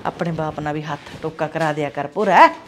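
A woman's voice: sits low, normal speed, a bit bright, a little hiss or hum. A middle-aged woman acting a worried mother who coaxes and fusses over her grown son. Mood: fussing. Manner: fussing, coaxing, motherly.

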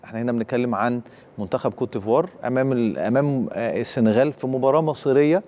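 A man hosting an Egyptian TV sports talk show, with an Egyptian Arabic accent, leaning on drawn-out filler pauses between phrases. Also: mid-range voice, dark tone.

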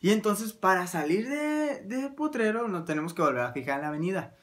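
A man with a Mexican accent telling a comic anecdote in a crude, slangy, animated way. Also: sits high, a little fast. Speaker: storyteller.

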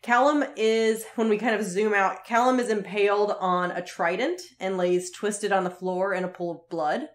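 A woman co-hosting a podcast, casually recapping a TV episode with animated retelling and frequent laughter. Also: medium pitch, normal speed, hardly any pauses. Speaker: podcast co-host.

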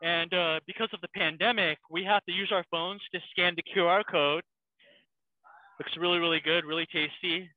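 A man's voice: high voice, fairly even intonation, normal speed, no room sound. A man hosts a friendly livestream walk through an outdoor night market. His voice comes through thin and phone-like, with a very dry, close sound. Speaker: livestream tour guide. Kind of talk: casual livestream. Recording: tinny phone-like audio.

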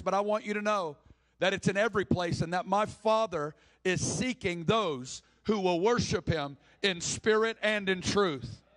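A man preaches with fervor, his voice sitting high for a man. He acts out the people in the story as he tells it, swinging between speeches and quick asides. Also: a bit bright. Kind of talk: sermon.

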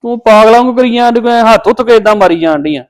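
A man's voice: extremely high pitch, fast. An actor playing a hot-tempered husband who berates his wife in a family drama skit, harsh and bossy. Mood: angry, scolding. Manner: harsh, berating, shouting orders.

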